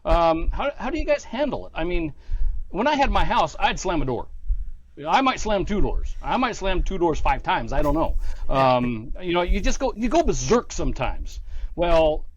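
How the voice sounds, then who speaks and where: A man's voice: high voice, very animated, normal speed, highs cut off. A man hosting a casual podcast chat, asking questions in a joking, colloquial way. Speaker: podcast host.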